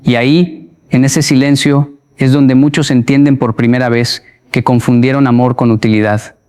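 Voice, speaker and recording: A man narrating a motivational voice-over in a measured, emphatic way, with short, punchy phrases. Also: medium pitch, flat delivery, a little mellow, clear, resonant tone.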